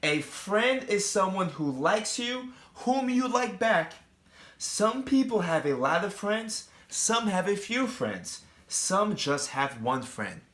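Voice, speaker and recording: Speaking slowly in a high, slightly bright voice, this man is very animated as he reads a picture book to little kids. He's a teacher, and he keeps turning to the children with casual comments and direct questions.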